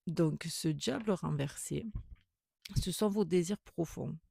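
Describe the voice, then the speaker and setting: A man reads tarot cards for an unseen viewer, talking in a reassuring, repetitive way full of hesitations and restarts. His voice sits a little high for a man yet sounds dark and heavily gravelly. The recording is dry and close. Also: takes it slowly, dry recording. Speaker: tarot reader. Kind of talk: tarot reading addressed to a viewer.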